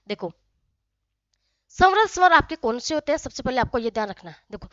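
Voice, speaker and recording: A woman teacher giving a grammar lesson, often quizzing her students and sounding out vowels slowly. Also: high voice, a bit bright, dry recording, dull audio. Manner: frequent questions to students, addresses them as friends.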